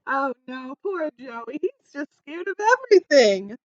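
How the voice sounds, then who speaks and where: A woman with a high voice takes her time reading a picture book to small children, animated as she quizzes them and breaks ideas down simply. The sound is lo-fi, with no echo.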